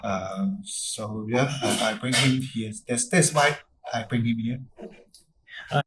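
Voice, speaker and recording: Slow, halting middle-aged man. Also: medium pitch, background noise. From Hong Kong. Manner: slow, halting non-native English. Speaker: mentorship participant, newcomer. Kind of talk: casual interview answers.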